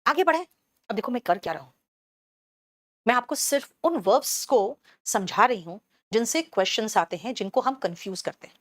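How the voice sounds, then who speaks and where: A woman from Bihar teaching English words in a live online class, briskly and in a motherly way, switching to English terms and answering students' questions as she goes. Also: a little high, expressive, dry recording. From Bihar, India. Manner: explains English words in Hindi, switching between the two.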